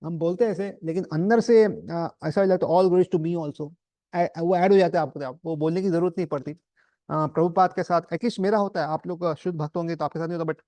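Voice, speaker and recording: A man's voice: high voice, mellow, no echo. A man giving a conversational devotional talk to a small group, telling stories and mixing in English terms. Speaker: spiritual teacher.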